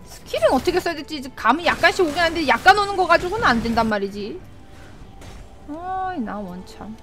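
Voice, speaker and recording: A woman streaming a game live, excitable, often shouting and laughing and answering her chat. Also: sits high, brisk. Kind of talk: live gameplay commentary. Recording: game music playing clearly behind. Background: game music.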